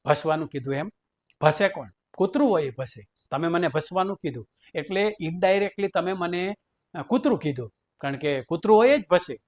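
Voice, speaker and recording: Man doing a stubborn, argumentative teacher, lecturing, slightly high voice. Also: lively intonation, normal speed, lightly acted. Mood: indignant. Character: stubborn bearded male teacher, defiant and argumentative.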